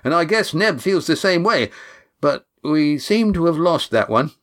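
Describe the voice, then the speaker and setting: A man's voice: a little high, animated, measured pace, fairly bright tone, voice pushed up. A man doing a cheeky sardonic young man. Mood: wry. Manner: mocking, wry.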